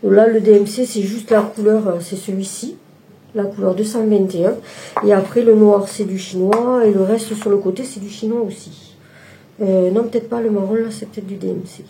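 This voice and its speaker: Hesitant woman showing her stitching, gravelly. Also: medium pitch, fairly even intonation, moderate pace, mellow, a little hiss or hum. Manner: hesitant, many fillers and restarts. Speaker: embroidery vlogger. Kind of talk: casual show-and-tell chat.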